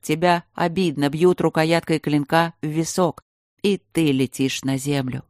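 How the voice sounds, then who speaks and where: Woman reading an audiobook, low voice, dry close sound, steady. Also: measured pace, no room sound. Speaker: audiobook narrator. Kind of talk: scripted narration.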